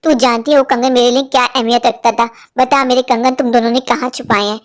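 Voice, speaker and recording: A woman's voice: fairly high pitch, steady tone, quick pace, close to an everyday voice. A woman voicing a bitter, vengeful middle-aged mother-in-law in a cartoon who complains and threatens. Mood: scolding. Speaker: cartoon voice actor. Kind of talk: Hindi cartoon voice acting.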